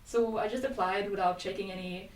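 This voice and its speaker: A twenty-year-old Swedish woman, a youth volunteer appearing as a podcast guest, chats casually and tells stories. Her medium-pitched voice is steady and brisk. The recording sounds echoey, with a distant mic and faint noise.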